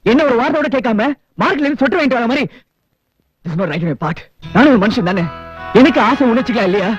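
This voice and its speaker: A man's voice: very high-pitched, lively intonation, fast, breathy edge, exaggerated voice. An actor playing a headstrong young son in a film who insists on his choice of bride and mixes in English phrases. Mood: insistent. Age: young adult. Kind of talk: film dialogue. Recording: dull lo-fi film soundtrack with music.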